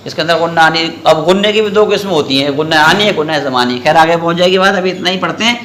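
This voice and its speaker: A man teaching Quran recitation in a class, asking questions, repeating the students' answers and drawing sounds out slowly to show them. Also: on the high side, fairly bright tone, reverberant, a little hiss or hum. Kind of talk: classroom tajweed lesson with call-and-response.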